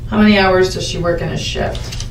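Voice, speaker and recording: Low-voiced female interrogator, echoey room. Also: steady tone, fairly quick. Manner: probing, repeats questions methodically. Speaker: police interviewer. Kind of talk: questioning in an interview. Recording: echoey room, distant mic, faint noise.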